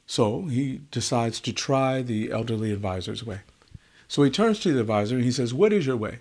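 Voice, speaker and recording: A man telling a wisdom tale in an unhurried way, repeating words for effect. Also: mid-range voice, animated. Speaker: storyteller.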